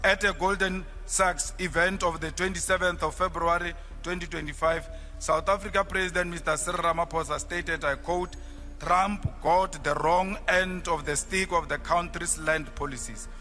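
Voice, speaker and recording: A man making a forceful, declamatory parliamentary speech. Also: fairly high pitch, fairly even intonation, normal speed, in a large hall, faint music behind. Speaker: politician.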